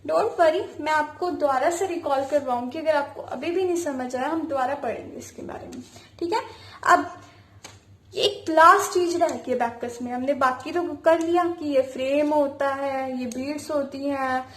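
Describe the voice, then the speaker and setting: A woman with a high voice gives a beginner abacus lesson in a room with a noticeable echo. She keeps asking questions and answering them herself, spelling out key words letter by letter. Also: unhurried, a bit bright. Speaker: abacus teacher. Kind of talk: teaching with call-and-response questions.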